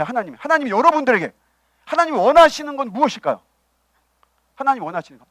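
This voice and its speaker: A man preaching a sermon as pastor, asking the congregation questions and swinging between loud emphasis and quiet asides. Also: extremely high pitch, no echo. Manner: preaching with rhetorical questions and acted quotes. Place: church.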